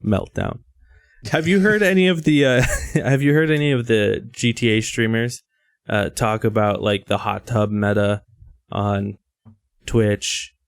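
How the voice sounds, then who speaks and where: A man co-hosting a casual podcast, relaxed and wry as he prompts his partner. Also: lowish voice, measured pace, creaky, clean tone, dry recording, clean studio sound. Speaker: podcast co-host.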